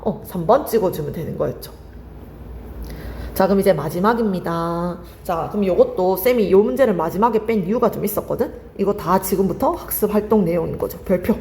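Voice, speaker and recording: A woman's voice: mid-range voice, a little fast, mellow, in a large hall, slight background noise. A woman teaching Korean literature for exam prep, firing questions at her students and answering them herself. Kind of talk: lively exam-prep lecture.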